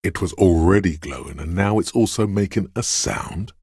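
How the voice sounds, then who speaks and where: A male voice, very deep, gravelly and husky, speaks as a menacing inner voice of primal fear and aggression. Wary and paranoid, it narrates a dark video game in the second person, slowly and ominously, treating every detail as a threat. The sound is close and dry, with no room sound.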